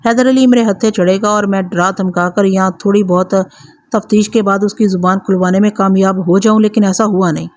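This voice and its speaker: A woman storyteller with a medium-pitched voice gives a scripted narration of a crime story. She reads in a steady, even voice, with slight background noise.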